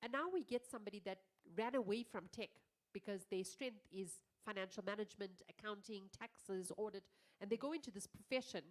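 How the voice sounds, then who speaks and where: A woman moderating a panel discussion with a stuffy, nasal voice from congestion. She asks her questions in a lively, probing way. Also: mid-range voice, fairly quick, few pauses.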